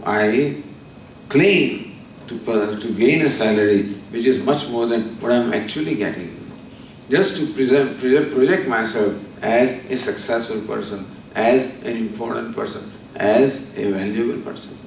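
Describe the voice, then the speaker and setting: A man, a spiritual teacher giving a deliberate scripture lecture with everyday examples. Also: medium pitch, gravelly, a little hiss or hum. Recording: roomy, distant mic.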